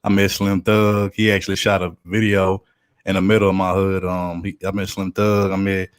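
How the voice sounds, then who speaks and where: Deep, flat-voiced Houston man. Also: moderate pace, smooth. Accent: Houston Southern US. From Houston, Texas. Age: 30s. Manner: laid-back, rambling with many fillers. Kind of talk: casual podcast chat.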